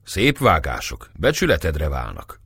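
A man's voice: rumbling low, wildly swooping pitch, fairly bright tone, husky, dry recording, clean studio sound, full character voice. A man doing a kindly old-school captain. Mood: fatherly. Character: older male captain, calm and kindly.

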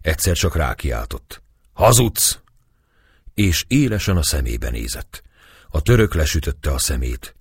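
A man reading a novel aloud as narrator in measured storytelling, husky voice. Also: a bass voice, sing-song, dry recording, clean studio sound. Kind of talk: audiobook narration.

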